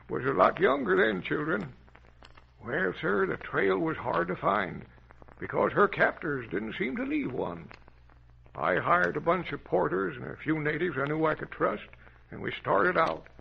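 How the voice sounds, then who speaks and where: A man's voice: on the high side, exaggerated voice. An actor playing a folksy old adventurer captain who tells children his tales, in 1930s radio acting on an old radio show. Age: older. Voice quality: gravelly, folksy, chuckling. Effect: old radio show sound. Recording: dull lo-fi old radio recording with faint hiss.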